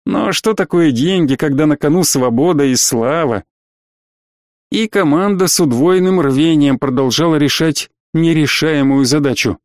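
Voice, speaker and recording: A man narrating an audiobook in a measured storytelling manner. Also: on the high side, dry recording, studio quality. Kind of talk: scripted narration.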